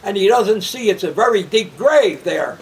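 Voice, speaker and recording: A man with a high voice tells jokes casually at a family gathering and chuckles through his own setups. He is recorded from a little way off the mic. A faint hum of the room sits underneath. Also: lively intonation, normal speed, distant mic, rough recording. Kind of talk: casual joke telling.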